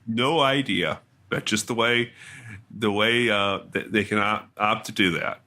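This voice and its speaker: A man reporting from a courtroom trial, answering questions in a hesitant, halting way with many restarts. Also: fairly low pitch, fairly even intonation, sharp tone. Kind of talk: interview answers.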